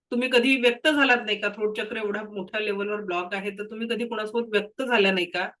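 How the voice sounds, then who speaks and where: A woman's voice: fairly high pitch, bright, forceful tone, poor audio. A woman teaching a reiki class. She has a cold and cough, and she explains patiently with case stories. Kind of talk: spoken lesson to students.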